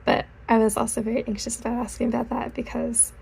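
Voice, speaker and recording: A woman's voice: on the high side, flat delivery, fast talker, vocal fry, warm tone, slight background noise. Chatty young woman telling a story. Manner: rambling, self-correcting, chatty. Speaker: artist vlogger. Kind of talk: casual storytime while drawing.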